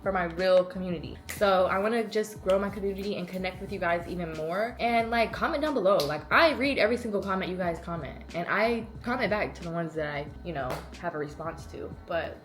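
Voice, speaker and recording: A woman in her early twenties answering questions as a content creator in a casual, animated, slangy and playful way. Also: lowish voice, a little fast, hardly any pauses, soft background music. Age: early 20s. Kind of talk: casual chatty Q&A.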